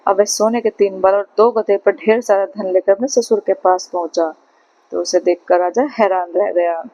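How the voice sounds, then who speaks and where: Woman reading a folk tale, mellow tone. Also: mid-range voice, normal speed, no echo, dull audio. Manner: steady, plain storytelling. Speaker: storyteller. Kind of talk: read-aloud folk tale narration.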